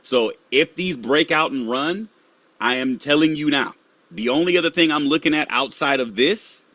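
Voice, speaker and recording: Speaking at normal speed in a pushed, bright voice, this man hosts a live stream and casually guides his viewers through market charts. The recording is dry. He talks to the audience as he brings up charts and slips into low muttering while hunting for the next.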